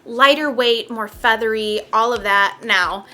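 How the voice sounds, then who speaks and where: A woman's voice: on the high side, a little slow, bright, forceful tone. A young adult woman vlogger chatting casually about her favorite makeup and skincare, full of filler words and light laughs. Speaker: beauty vlogger. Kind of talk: casual product review chat.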